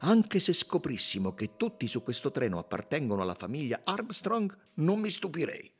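A man voicing an excitable railway director in an audiobook, exclamatory and exasperated. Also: on the high side, moderate pace, slightly rough, voice pushed up. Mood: incredulous. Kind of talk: audiobook character reading.

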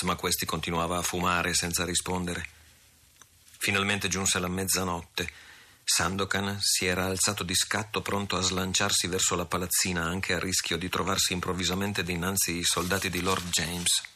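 A man reads an adventure novel aloud in a measured, dramatic style. His voice is low and deep, yet it carries a very bright, forceful tone. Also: completely flat delivery. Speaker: audiobook reader. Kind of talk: scripted narration of an adventure novel.

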